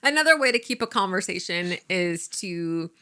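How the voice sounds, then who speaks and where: A woman's voice: fairly low pitch, animated, moderate pace, sharp tone, dry recording, studio quality. A woman co-hosting a dating-coach podcast in casual chat, easygoing and teasing, laughing often.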